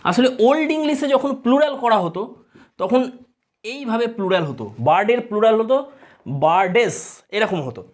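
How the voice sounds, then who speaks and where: Bengali-accented woman teacher, fairly high voice, patient exam-prep explainer who quizzes the class. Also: lively intonation, fairly quick, darkish tone. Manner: explains step by step, asks students rhetorical questions. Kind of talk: exam-prep grammar lesson.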